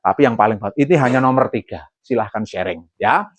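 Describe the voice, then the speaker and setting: Lively Javanese pastor preaching. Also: male voice, fairly low pitch, fairly quick. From Central Java, Indonesia. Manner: lively preaching, mixing in Javanese asides and jokes. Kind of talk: sermon.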